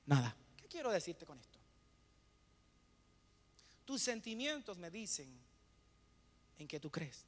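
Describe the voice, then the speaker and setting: A male pastor preaching a sermon, asking rhetorical questions and pausing for the congregation to fill in the answer. He swings between hushed lines and loud, emphatic bursts. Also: sits high, big pitch swings, in a large hall. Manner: preaching with rhetorical questions and call-and-response pauses.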